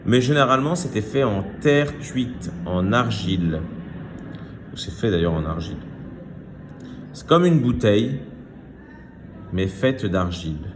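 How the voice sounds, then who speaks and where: A man teaching young children to read, speaking slowly and clearly, sounding out syllables and repeating each word with emphasis. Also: on the low side, animated, background noise. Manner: slow, deliberate, repeats words for children. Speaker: primary school teacher. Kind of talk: reading lesson for young children.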